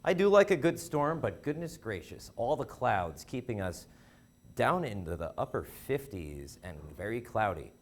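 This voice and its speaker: Male weathercaster, animated and jokey, pitch swinging widely. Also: normal speed, slight background noise. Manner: animated, playful, chatty with wordplay. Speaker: weather presenter. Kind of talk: student TV weather forecast.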